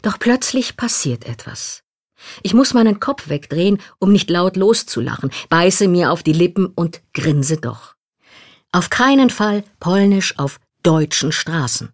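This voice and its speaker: A woman reading a first-person memoir aloud in a calm, reflective manner. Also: fairly low pitch, a little slow, no room sound, clean studio sound. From Poland. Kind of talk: scripted literary narration.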